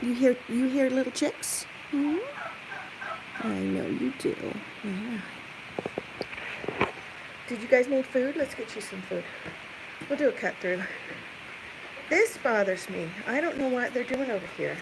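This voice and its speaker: Her voice is a little high, gravelly and animated, moving at a measured pace with long pauses, as she hosts a casual livestream from the farmyard, barn and chicken coop. Doing chores, she thinks aloud to viewers and coos questions at the animals. The handheld phone or camera recording is noisy with clucking chickens, a rooster and farm ambience.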